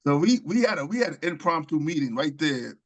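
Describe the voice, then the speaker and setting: A man from Queens, New York, appears as an author and screenwriter guest in a casual interview, telling rambling stories full of ums and restarts. His voice is fairly high and fairly bright, with a brisk, sing-song delivery.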